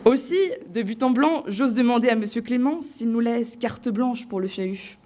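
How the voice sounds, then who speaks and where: A woman on stage delivering a prepared competition speech to a live audience, theatrical and playful, with deliberate pauses. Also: on the high side, a loud crowd, heavy background noise. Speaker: eloquence contest finalist.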